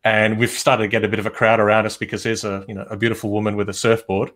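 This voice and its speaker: A man, a photographer, chatting casually on a livestream over a video call and telling shoot stories in a relaxed way with many fillers. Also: on the low side, fast talker. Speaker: photographer guest.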